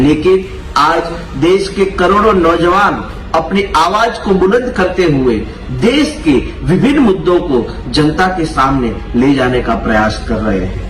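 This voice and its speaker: A man's voice: mid-range voice, reverberant, distant mic, slight background noise, low-quality recording. A man giving an emphatic political speech as a party spokesperson. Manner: emphatic, rhetorical.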